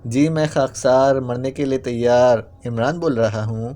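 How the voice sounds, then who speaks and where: A man's voice: medium pitch, dark tone, lightly acted. A man voicing a playful young male spy who talks in a mock-pitiful, whining way. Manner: whiny, mock-pitiful clowning.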